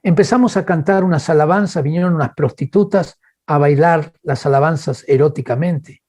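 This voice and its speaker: A man with a Chilean accent preaching in a webinar, telling personal stories and acting out quoted voices. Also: moderate pace. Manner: animated, acts out quoted voices with big pitch jumps; addresses listeners as brothers, asks okay. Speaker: guest speaker. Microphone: webinar microphone.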